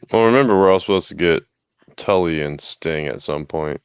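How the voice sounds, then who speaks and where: Very deep-voiced man, smooth and dry. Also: moderate pace, no echo, dull audio. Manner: laid-back, hedging with "like" and "I mean". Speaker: podcast co-host. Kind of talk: casual wrestling recap chat.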